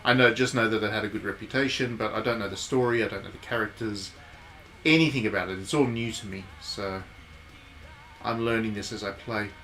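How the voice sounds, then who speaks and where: Speaking briskly in a lowish voice, this man streams a visual novel, offering loose live commentary and musing out loud. Soft music and constant background noise sit under his talk.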